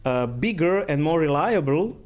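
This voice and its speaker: A man's voice: on the high side, lively intonation, normal speed, darkish tone. Croatian-born man. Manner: non-native phrasing, repeats words and phrases. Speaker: guest. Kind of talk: casual interview.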